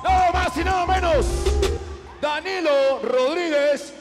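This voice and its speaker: A man ring announcer, shouting drawn-out, bombastic introductions like a lucha libre announcer over an arena PA. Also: very high voice, loud music behind the voice, over a noisy crowd. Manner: bombastic, stretching out words and names. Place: mixed martial arts arena over a PA. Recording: echoey hall PA with background noise.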